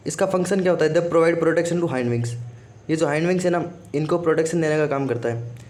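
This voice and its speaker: A man's voice: a little high, fairly quick, a little mellow. Man teaching biology, fillers and self-questions. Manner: repeats "ठीक है" constantly, asks and answers own questions. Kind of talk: exam-prep lesson.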